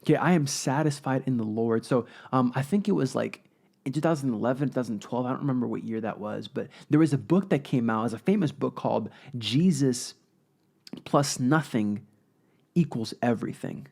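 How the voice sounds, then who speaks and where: A man's voice: mid-range voice, brisk, creaky, a little mellow. A man, a youth pastor, giving a casual and playful video sermon to his group, asking them questions as he goes. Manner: conversational, playful, asks the audience questions.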